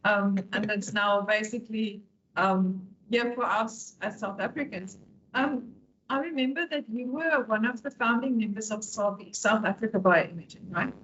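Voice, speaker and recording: A woman's voice: medium pitch, normal speed, a bit bright, a little hiss or hum. A woman hosting an interview, asking friendly questions with frequent hesitations and fillers. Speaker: interviewer, host. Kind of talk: conversational interview. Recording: dull lo-fi sound.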